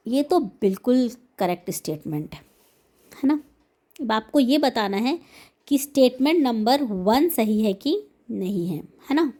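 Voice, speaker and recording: A woman teaching an exam-prep lesson, her voice mellow and a little high. She talks very slowly and deliberately, reading each English question aloud, then explaining it in Hindi mixed with English. She keeps checking in with her students. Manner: checks in with "है ना?" and "okay".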